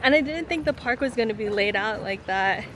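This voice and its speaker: A woman's voice: a little high, lively intonation, brisk, rough recording. A woman vlogging outdoors while she walks, chatting in a giggly way to a handheld camera. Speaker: travel vlogger. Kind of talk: casual vlog chat. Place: outdoors in a park and streets. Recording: outdoor camera audio with a crowd behind.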